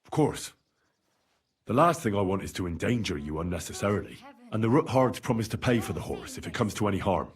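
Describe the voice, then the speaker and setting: Lively, husky medieval adventurer. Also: male voice, lowish voice, fairly quick, full character voice. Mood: discreet, courteous. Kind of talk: video game voice acting.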